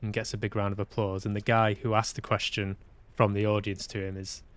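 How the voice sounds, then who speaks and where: A man from Manchester, UK, speaks a little fast in a fairly low voice with a flat delivery. As a livestream host he chats casually while playing games, hesitant and musing aloud to himself.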